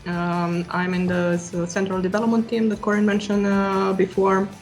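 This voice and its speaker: A woman's voice: medium pitch, level tone, normal speed, soft background music. A woman from Romania talking candidly about working from home in a casual team meeting. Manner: candid, hesitant. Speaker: team member.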